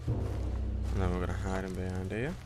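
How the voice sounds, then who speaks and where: Casting: male gamer, deepish voice, informal sweary playthrough commentary over loud game music. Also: little pitch movement, normal speed.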